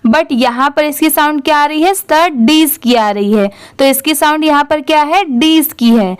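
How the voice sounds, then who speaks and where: A woman's voice: high-pitched, normal speed. A woman teaching English reading, spelling words letter by letter, asking questions and answering them herself. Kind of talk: classroom-style phonics lesson.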